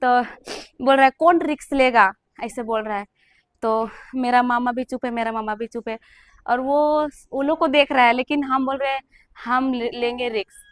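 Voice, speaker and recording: Young woman, fairly high voice, emotional testimony teller, dry sound. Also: steady tone, moderate pace, no echo. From Jharkhand, India. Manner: earnest and emotional, acting out the people she quotes. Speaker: testimony giver.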